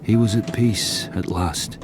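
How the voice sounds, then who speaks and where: An actor playing an earnest, ambitious Arctic expedition captain in a gothic audio drama, solemn and dramatic. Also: male voice, lowish voice, steady tone, takes it slowly, loud music behind the voice. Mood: solemn, haunted. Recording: clear background ambience noise.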